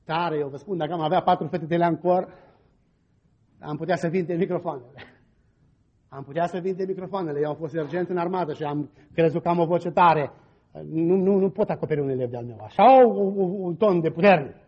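A male pastor with a high, husky voice preaches with stories from his own life. His pitch leaps about as he moves from quiet asides to loud exclamations. The recording sounds dull and lo-fi. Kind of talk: sermon with personal stories.

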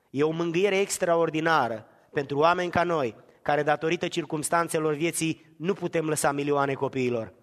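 A male preacher delivering a sermon in a slightly high voice, swinging from near-shouts down to hushed tones. His voice rings out with a long reverb in a large church hall.

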